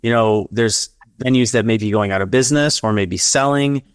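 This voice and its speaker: A man's voice: medium pitch, clear, resonant tone, no room sound, clean studio sound. Upbeat man hosting a podcast. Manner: upbeat, quick bursts of speech. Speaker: podcast host.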